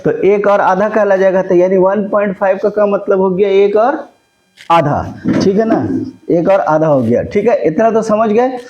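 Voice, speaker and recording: A man's voice: high voice, moderate pace, darkish tone, muffled recording. A man teaching a maths lesson, often checking that his students follow along. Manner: mixes Hindi with English terms. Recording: echoey room.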